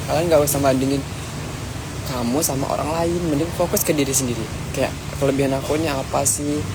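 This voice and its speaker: Young speaker from Jambi, 19, earnest, rambling, lots of fillers, street interview, heavy traffic noise behind. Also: medium pitch. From Jambi, Indonesia. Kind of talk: casual motivational talk. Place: outdoors on a city street.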